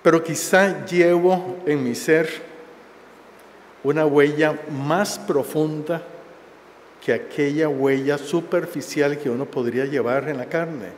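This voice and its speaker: A man in his sixties giving a formal, solemn speech at a university forum, speaking slowly and deliberately into a headset mic in a large auditorium. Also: fairly high pitch, darkish tone. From Costa Rica. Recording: long auditorium reverb.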